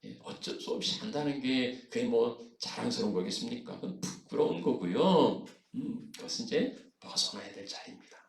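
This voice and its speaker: A man's voice: medium pitch, animated, normal speed, creaky, few pauses, roomy sound, far from the mic. A man preaching a sermon as pastor, in a conversational way with frequent fillers and rhetorical questions. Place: church sanctuary.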